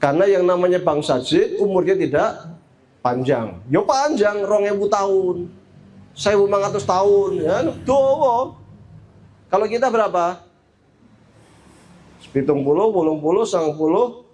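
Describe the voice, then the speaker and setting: Man, preacher, Javanese accent, very high voice, lively storytelling sermon. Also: unhurried, pauses often. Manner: lively, mixes in Javanese asides.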